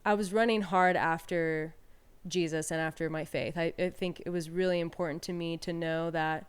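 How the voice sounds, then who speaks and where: A woman in her thirties from Peru speaks as a guest in a casual conversational interview, her voice fairly low, steady, and smooth at a normal speed. She answers candidly and reflectively, often using fillers and restarting her sentences.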